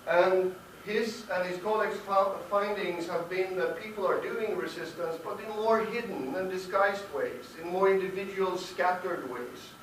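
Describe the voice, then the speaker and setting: A man's voice: high-pitched, moderate pace, hardly any pauses, fairly bright tone. A male academic panelist giving a hesitant roundtable talk full of fillers. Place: conference room. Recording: echoey room, distant mic, faint noise.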